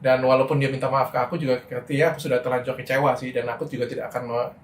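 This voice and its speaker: A middle-aged man telling his side of a story in a casual monologue, animated and frustrated. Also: racing, echoey room, slight background noise. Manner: animated, frustrated, shifts pitch when quoting people.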